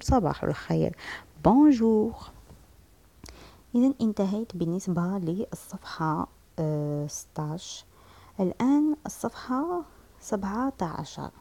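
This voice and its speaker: A woman explaining a school lesson, patiently repeating words slowly for young learners. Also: low-pitched, creaky, mellow, a little hiss or hum. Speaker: teacher.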